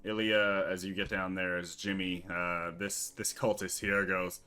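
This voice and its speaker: Brief: deep, bright male game master, loose and chatty narration. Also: little pitch movement, measured pace, clear, resonant tone. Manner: casual, with frequent restarts and fillers.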